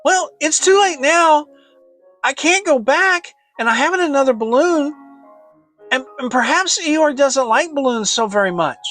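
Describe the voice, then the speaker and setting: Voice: high-pitched, animated, measured pace, fairly bright tone, soft background music, pitched above the performer's own voice, poor audio. A performer voicing a small, anxious, eager piglet in a children's storybook, fretful and earnest with a stammer. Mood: dismayed.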